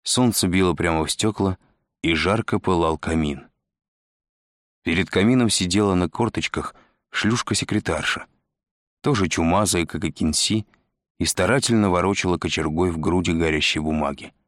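A man with a very low voice narrates an audiobook at a steady, measured pace. The sound is dry and close with no room sound. The reading is plain and even. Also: no room sound.

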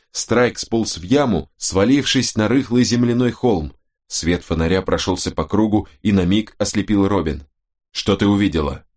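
A man narrates a novel in a scripted audiobook, his voice very deep and low. He keeps the reading steady and measured from start to finish.

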